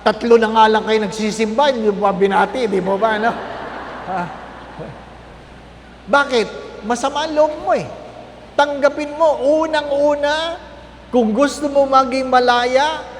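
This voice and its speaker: A man's voice: very high-pitched, unhurried, long pauses, roomy sound, in a large hall, a little hiss or hum. A man, a priest, gives a conversational Lenten talk to a congregation, often checking in with tag questions. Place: parish church.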